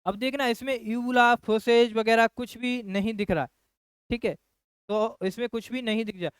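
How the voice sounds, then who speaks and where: A man's voice: very high-pitched, steady tone, normal speed, clean tone, dry recording. A man teaching a nursing lecture who repeats key phrases and keeps asking his class rhetorical questions. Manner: addresses students as children. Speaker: nursing coach.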